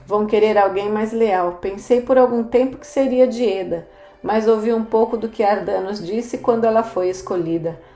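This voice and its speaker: A woman reading the lines of a frank, dry older priestess in an audiobook, speaking in a measured way. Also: mid-range voice, mellow, natural voice. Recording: roomy echo, faint music.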